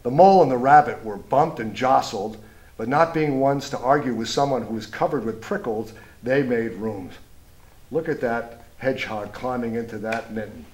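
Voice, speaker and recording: A school superintendent reads a children's picture book aloud in a lively storytime manner, stopping to point things out and ask the young listeners questions. His voice sits in the mid range, and the audio quality is poor.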